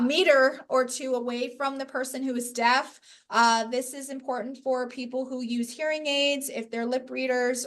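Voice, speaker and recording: High-voiced, chatty woman instructor. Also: fairly bright tone. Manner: casual, chatty, self-correcting with light laughs. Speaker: workshop instructor. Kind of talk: live training presentation.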